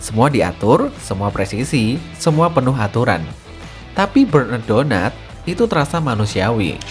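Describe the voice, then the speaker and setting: A man giving scripted, energetic narration in a casual, slangy way, building drama as he explains. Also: mid-range voice, moderate pace, faint music behind.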